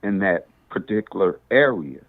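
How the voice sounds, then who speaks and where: A man's voice: low-pitched, expressive, normal speed. A man who is a bishop, calling in over a cell phone speakerphone, talking in a rambling, preacherly way and quoting scripture. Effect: speakerphone on a cell phone call. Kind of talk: casual talk over the phone.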